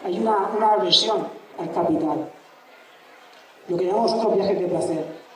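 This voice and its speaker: A man's voice: high voice, normal speed, fairly bright tone. Man from lecturing, ironic and emphatic, lots of rhetorical questions, mic far away, big echo. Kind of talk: public lecture. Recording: echoey hall from far off with background noise.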